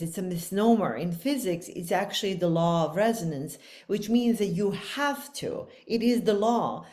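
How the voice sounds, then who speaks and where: A woman from Bosnia, speaking with a Bosnian accent in a lowish, darkish voice, appears as a guest author on a casual podcast. She talks earnestly and at length.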